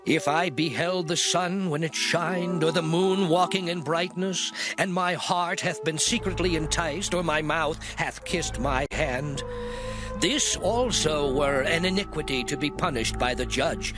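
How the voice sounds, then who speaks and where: An actor playing Job, a suffering righteous man solemnly protesting his innocence in a dramatized scripture reading. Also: fairly high pitch. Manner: solemn, declamatory, earnest. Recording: music bed under voice. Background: music.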